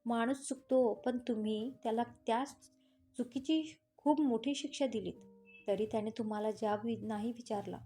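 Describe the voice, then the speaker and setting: A woman's voice: a little high, fairly even intonation, normal speed, warm tone, soft background music, lightly acted. A woman reading an indignant young woman. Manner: reproachful, pointed questions. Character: young woman confronting her in-laws, indignant.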